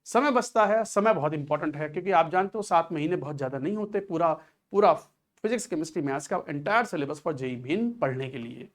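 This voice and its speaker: A man's voice: fairly high pitch, expressive, a little fast. A male chemistry teacher talking earnestly to exam students, giving coaching advice and slipping English phrases into his Hindi.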